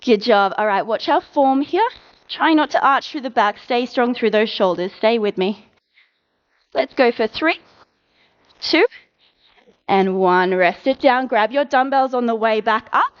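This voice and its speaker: Brisk, encouraging woman fitness instructor. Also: on the high side, animated, dull audio. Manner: encouraging, brisk coaching with countdowns. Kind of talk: live workout cueing.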